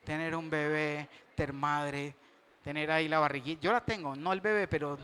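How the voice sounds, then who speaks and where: A man delivers a sermon in a notably high voice. He preaches conversationally as a pastor and turns often to his listeners with questions, drawing them into the talk. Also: steady tone, moderate pace, bright, forceful tone, a little hiss or hum.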